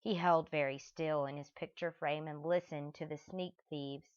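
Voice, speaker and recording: A woman narrating a children's storybook in a slow, deliberate manner. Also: sits low, steady tone, clear, resonant tone. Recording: dull lo-fi recording.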